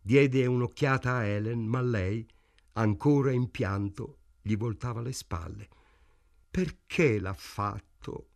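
A man reading a novel aloud in a measured, even way. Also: mid-range voice, gravelly. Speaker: narrator. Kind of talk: audiobook narration.

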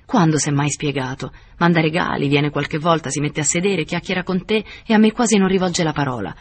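A man's voice: a little high, a little fast, breathy edge. A man reading as a curt, scornful young noblewoman. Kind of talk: audiobook character reading.

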